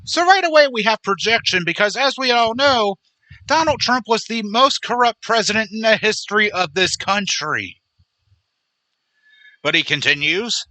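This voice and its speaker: A man hosting a political commentary podcast, sarcastic and indignant as he lays out his case. His voice is higher than most men's and very bright and forceful. The recording is close and dry. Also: expressive, normal speed, dry recording, poor audio. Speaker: podcast host.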